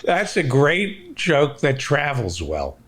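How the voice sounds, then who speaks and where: A male talk-show host chats with his guests in a loose, rambling way. His pitch rises and falls a lot, full of animation. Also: huge pitch swings, takes it slowly, background noise. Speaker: podcast host. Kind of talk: casual chat.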